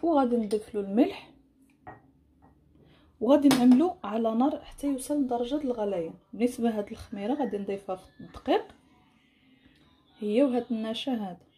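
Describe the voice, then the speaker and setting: A woman's voice: a little high, fast, pauses often, dark tone, a little hiss or hum. A woman with a Moroccan accent narrating a casual cooking tutorial as a home cook, explaining and rephrasing each instruction. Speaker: home cook presenting a recipe.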